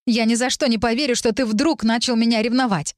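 A woman voicing a furious, defiant young heroine who shouts sarcastic accusations. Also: a little high, lively intonation, a little fast, no echo, clean studio sound, pitched above the performer's own voice, lightly acted. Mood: furious shouting.

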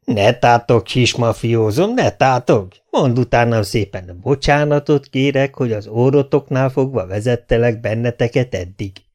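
A man's voice: mid-range voice, animated, hardly any pauses, darkish tone, lightly acted. A man voicing a bold, mocking history teacher who speaks theatrically and stretches his words. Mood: taunting.

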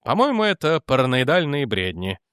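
A man's voice: medium pitch, big pitch swings, a little fast, a bit bright, smooth, dry recording, clean studio sound. A man reading aloud as a skeptical male official who defends the president and argues back. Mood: defensive.

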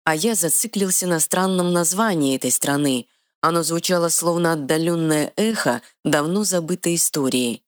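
Low-voiced woman reading a fantasy story. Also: moderate pace, dry recording, clean studio sound. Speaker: audiobook reader. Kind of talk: fantasy audiobook narration.

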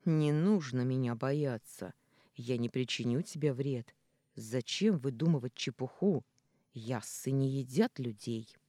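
An audiobook reader voicing Jella, a male non-human Yass who speaks slowly and firmly with a quiet threat, in a dry, mellow recording. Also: mid-range voice, dry recording, close to an everyday voice. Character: male Yass, a non-human being, stern then gentle.

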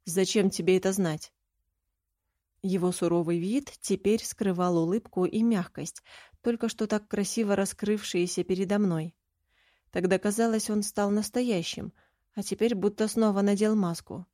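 A woman's voice: mid-range voice, fairly even intonation, moderate pace, mellow, no room sound, clean studio sound. A woman narrating a first-person audiobook in an earnest, emotive storytelling manner.

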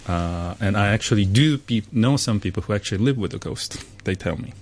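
A man's voice: fairly low pitch, expressive, fairly quick, a little hiss or hum. A man from South Korea, a native Korean speaker, talking about his art as a guest in a radio interview, with many fillers and restarts. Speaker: artist guest.

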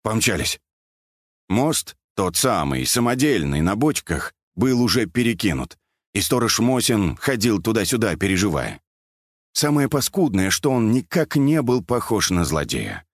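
A man narrating a story in an expressive, vivid audiobook reading. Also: lowish voice, normal speed, dry recording, studio quality.

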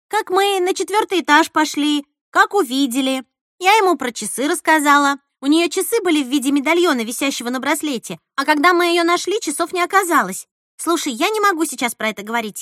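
A woman narrator puts on an eager young actress with a raised, bright pitch. She pleads and insists, her voice swinging widely, in a dry close read. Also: lively intonation, moderate pace, no echo. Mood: nervous.

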